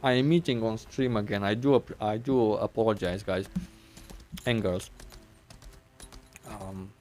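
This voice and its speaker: Faint music plays behind a man who rambles through a gaming livestream while he eats, full of fillers and restarts and speaking through mouthfuls. On his desk mic, his fairly low voice sounds darkish and unhurried.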